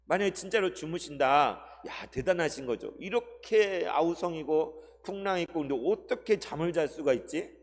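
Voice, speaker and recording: Male pastor, sunday sermon, rather high voice, rhetorical questions, long church reverb. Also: expressive, moderate pace. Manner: addresses the congregation with rhetorical questions; dramatic shifts between loud and soft delivery. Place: church sanctuary.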